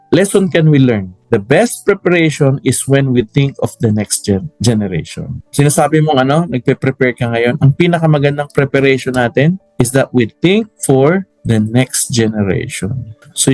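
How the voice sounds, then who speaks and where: Animated male Bible study preacher. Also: mid-range voice, normal speed, no room sound. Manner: animated storytelling, challenges listeners with questions.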